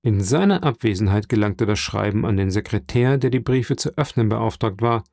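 A man's voice: on the low side, normal speed, vocal fry, a little mellow, dry recording, clean studio sound. A man voicing a young, ambitious royal prosecutor who speaks formally and courteously. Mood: earnest.

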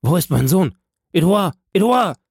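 A man's voice: mid-range voice, a little slow, gravelly, a little mellow, no echo, studio quality. A man voicing a frantic, fearful male prosecutor in an audiobook reading, calling out urgently. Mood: panicked.

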